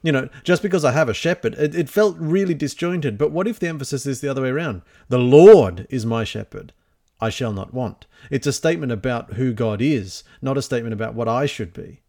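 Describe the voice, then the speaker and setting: A man's voice: mid-range voice, fast, hardly any pauses, a little mellow. A man in a Bible study discussion, reflecting analytically and explaining his reading of a passage step by step.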